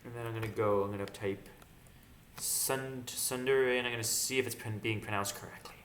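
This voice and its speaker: A man's voice: medium pitch, fairly even intonation, brisk, a bit bright, a little hiss or hum. A man hosting a casual video, thinking aloud and joking as he chats with an AI. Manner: thinks aloud, jokey, narrates his clicks. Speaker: video host. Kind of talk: casual chat with an AI. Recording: echoey room with typing.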